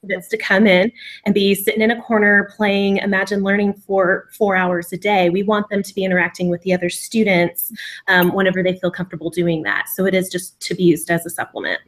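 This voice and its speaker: A woman teacher in a casual online discussion, explaining in a measured way with frequent fillers. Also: medium pitch, steady tone. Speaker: teacher in a book club chat.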